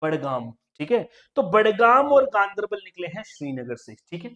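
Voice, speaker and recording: A man's voice: sits high, big pitch swings, normal speed, sharp tone, highs cut off. Man quizzing students in an exam-prep lecture. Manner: repetitive quizzing, keeps saying "okay" and "friend". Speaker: exam coaching teacher.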